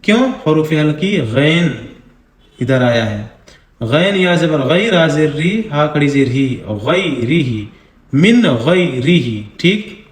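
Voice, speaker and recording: A man teaching Quran reading, spelling out syllables slowly and drawing out recited words between quick explanations. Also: fairly high pitch, animated, roomy sound. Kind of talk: recitation lesson.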